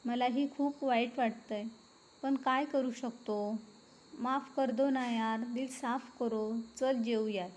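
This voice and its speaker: A patient young husband with a soft, coaxing way of talking, as a woman reader puts him on. He pleads gently and steadily. The voice sits a little high. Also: fairly even intonation, takes it slowly, slight background noise. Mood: pleading.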